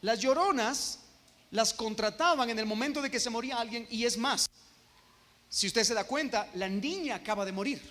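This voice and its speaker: High-voiced preacher in an echoing church. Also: male voice, pushed and bright. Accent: Guatemalan Spanish. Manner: emphatic preaching, slows for key phrases. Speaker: pastor. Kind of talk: expository sermon. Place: church sanctuary. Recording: long reverb of a church hall.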